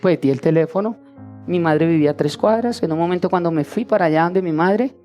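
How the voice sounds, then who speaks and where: A man in his forties preaching a sermon, telling a personal story with lively acted-out dialogue. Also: on the high side, brisk. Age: 40s. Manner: animated storytelling, acting out quoted voices. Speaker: pastor. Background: faint instrumental music.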